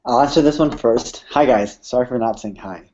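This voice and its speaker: A man's voice: medium pitch, moderate pace, a little mellow. A young man from Illinois, a student peer advisor, chatting easily on a panel. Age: young adult. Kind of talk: casual panel chat. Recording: dull lo-fi audio.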